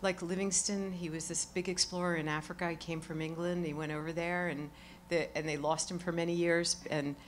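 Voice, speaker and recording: A middle-aged woman talking onstage at a live event, exuberant and profane, swinging from quiet remarks to loud exclamations and laughing often. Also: lowish voice, level tone, a little fast, few pauses, a little hiss or hum. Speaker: award honoree speaking onstage. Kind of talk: lively onstage conversation with profanity.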